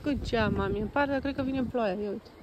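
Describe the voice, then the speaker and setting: A Romanian woman vlogs on a handheld phone in a town park, chatting casually with her toddler in a coaxing sing-song and slipping into English words. Her voice is on the high side, and the recording is muffled with a noisy background.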